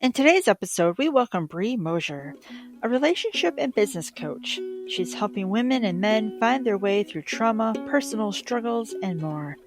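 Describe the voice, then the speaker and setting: A woman's voice: medium pitch, very animated, normal speed, soft background music. A woman podcast host reading a scripted, upbeat show introduction. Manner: upbeat, announcing.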